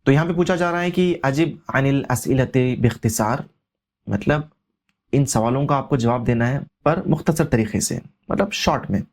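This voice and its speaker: Male language tutor, mid-pitched, methodical, glosses each term and repeats it. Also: lively intonation, a little mellow. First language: Urdu. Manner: translates word by word, repeating each meaning. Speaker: Arabic teacher. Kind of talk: explaining vocabulary line by line.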